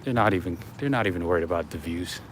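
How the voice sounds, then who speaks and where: Strolling an urban waterfront with traffic rumbling around him, a live streamer talks fast in a deep, expressive voice. He rambles casually to the people watching his stream.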